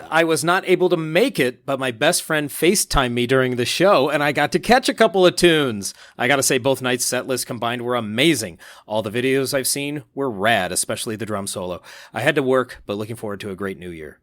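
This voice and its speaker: A man's voice: medium pitch, a little fast, dry recording. Man, podcast host, casual chat, upbeat reader, dry close sound. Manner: upbeat, reads quotes aloud with animated emphasis. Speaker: podcast co-host reading listener messages.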